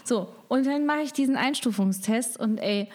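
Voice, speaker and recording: A woman's voice: a little high, normal speed, a little mellow. Chatty self-mocking woman podcaster. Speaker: podcast co-host. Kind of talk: casual chat.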